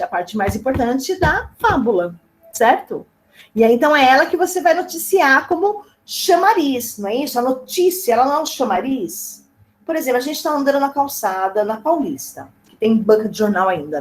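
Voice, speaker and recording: A woman's voice: high voice, poor audio. A woman teacher, giving a chatty, playful online lecture and often checking in with her students. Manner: chatty, playful, frequent "né?" and "tá bom?" check-ins.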